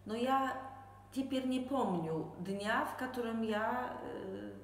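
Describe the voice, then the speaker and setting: A woman with a Polish accent gives interview answers in halting, non-native Russian. Her pace is very slow, with gaps while she searches for words. The room is heavily echoey, with a long reverb tail around her voice. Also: on the high side. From Poland. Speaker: interview guest, translator and health consultant.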